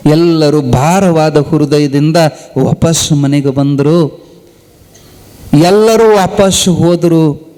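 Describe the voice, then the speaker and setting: A man preaches a devotional story, his voice pitched unusually high. He takes his time, lingering over each phrase as he swings between urgent peaks and hushed, solemn drops. A long hall reverb trails after his words. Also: takes it slowly, long pauses. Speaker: spiritual discourse speaker. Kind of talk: storytelling sermon.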